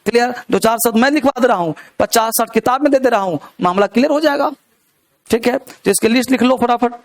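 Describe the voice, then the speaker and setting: A man's voice: very high-pitched, fast talker. A male English grammar teacher giving a live classroom lecture, constantly firing rhetorical questions at his students.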